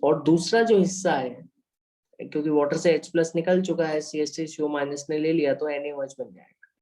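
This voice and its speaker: A man's voice: a little high, steady tone, normal speed, darkish tone, poor audio. A man with an Indian accent teaching a chemistry lecture, explaining step by step and mixing English phrases into Hindi while checking in with students. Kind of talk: online lecture explaining equations.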